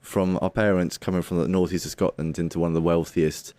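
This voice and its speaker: A man's voice: low voice, flat delivery, fairly quick, dark tone, no echo. A man chatting casually as a guest on a podcast, speaking conversationally into a microphone. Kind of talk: casual chat.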